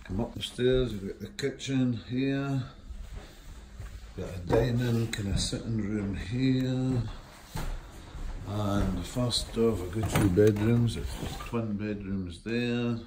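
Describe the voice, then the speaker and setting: A man giving an informal, halting walk-through tour of a wooden lodge, speaking into a handheld phone as he walks. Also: lowish voice. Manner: unhurried, informal, halting with fillers. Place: wooden lodge rooms and hallways, indoors. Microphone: phone camera held while walking. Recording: echoey rooms with clear handling noise.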